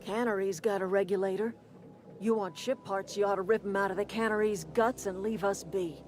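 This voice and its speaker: A woman playing a proud, defiant old grandmother in a video game, with a folksy, dry, sharp-tongued manner. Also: mid-range voice, steady tone, fairly quick, slight background noise, close to an everyday voice. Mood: defiant, persuasive. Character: proud, defiant old grandmother leading a settlement, wryly sardonic. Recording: game music behind the voice.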